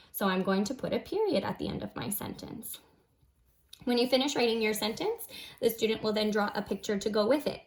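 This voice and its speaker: A woman teaching an early reading lesson, explaining patiently step by step in simple phrases and modelling examples for young learners. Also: a little high. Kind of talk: instructional demonstration of a kindergarten reading lesson.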